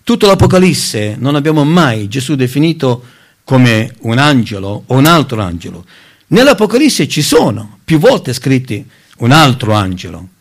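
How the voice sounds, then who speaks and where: A man's voice: mid-range voice, normal speed. A man preaching a Bible teaching sermon, reading scripture aloud and stressing key words. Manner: emphatic, rising on key words, lively intonation; addresses listeners as brothers, reads scripture aloud.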